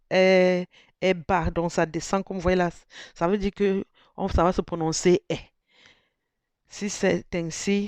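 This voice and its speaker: A presenter walks through a phone setup at a slow, unhurried pace, stopping and restarting as they think aloud. The voice is smooth and clear, recorded dry and close. Now and then they sound out single vowels to show the tones. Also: medium pitch, darkish tone, dry recording. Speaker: tutorial presenter. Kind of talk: step-by-step phone tutorial.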